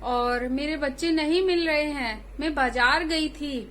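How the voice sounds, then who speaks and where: A loving mother goat played by a woman calls anxiously for her little ones, her voice high and pleading. A faint hiss runs under the storybook telling. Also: unhurried, fairly bright tone. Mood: worried. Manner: calling out pleading, worried.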